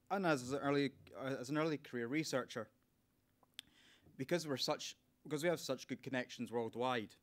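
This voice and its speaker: Earnest young man giving a speech. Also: medium pitch. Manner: earnest, slightly emotional delivery. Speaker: PhD student speaker. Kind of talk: prepared speech at a launch event.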